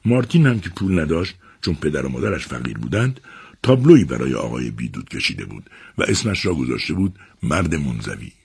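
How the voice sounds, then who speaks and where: A man narrating a serialized novel adaptation on a radio book program, with measured, expressive storytelling. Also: extremely low pitch, gravelly, slightly rough.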